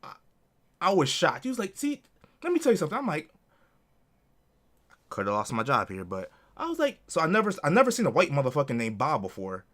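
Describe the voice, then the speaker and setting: A man's voice: a little high, huge pitch swings, a little fast, fairly bright tone. A man co-hosting a podcast, telling a work story in casual chat, acting out callers in different voices and swearing freely. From Connecticut. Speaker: podcast co-host.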